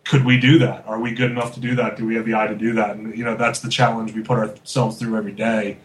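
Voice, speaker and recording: A studio artist in his thirties speaks candidly and earnestly in a casual chat, using frequent fillers. His voice is fairly low and fast with little pitch movement, and the recording is roomy with faint background noise.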